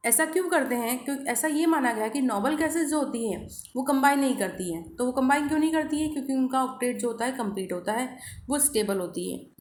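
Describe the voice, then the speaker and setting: A high-voiced Indian woman teaches a chemistry lesson, moving between Hindi and English and putting a question to the class before answering it herself. She repeats key terms and slows right down on English phrases. Her voice sounds echoey, with a faint hiss behind it. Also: expressive. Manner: mixes Hindi and English, addresses students as children; speaks English lines slowly and deliberately. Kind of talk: classroom lecture.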